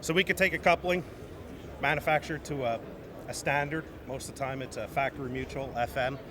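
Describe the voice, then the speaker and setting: A company representative speaks briskly in a mid-range voice with fairly even intonation. Interviewed informally at a trade show, he's emphatic and repeats phrases to drive points home, against the background noise of a busy venue.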